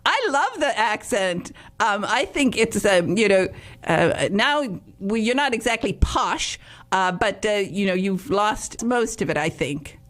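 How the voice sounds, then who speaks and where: A woman's voice: medium pitch, animated, a little slow. A woman hosting a radio interview, chatty and rambling, laughing often between her questions. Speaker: radio host. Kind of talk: casual interview chat.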